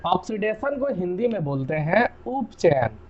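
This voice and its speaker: A young Indian man with an Indian accent, giving a chatty chemistry lesson and often checking "clear?". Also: high voice, sing-song, unhurried, dull audio. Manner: chatty, repeats key terms, asks "clear?". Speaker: chemistry teacher. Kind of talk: casual classroom lecture.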